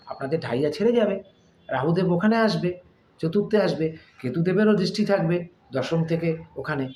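A man hosting an astrology talk, speaking slowly and deliberately, with many repeated phrases and rhetorical questions. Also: high-pitched, roomy sound, a little hiss or hum. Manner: slow, deliberate speech. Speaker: astrologer, channel host.

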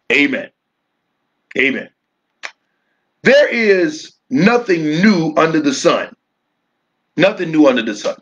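A male pastor with a fairly high voice teaches a church bible study. He preaches more than he chats, circling back over his own phrases. He drags out key words for emphasis. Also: a bit bright, rough recording. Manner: preachy, repeats phrases, slows down to stress words.

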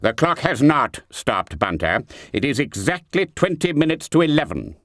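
A man's voice: fairly high pitch, very animated, normal speed, no echo, studio quality, pitched above the performer's own voice. A man voicing a stern, wrathful schoolmaster who speaks in clipped, biting phrases. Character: stern older male form master, wrathful.

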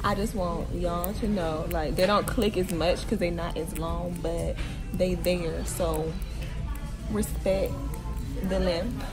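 Music plays in the background as this beauty vlogger in her twenties, filming herself on a phone at arm's length, chats candidly at home in her living room and at a nail salon. She laughs often, speaking slowly in a steady, low-ish voice.

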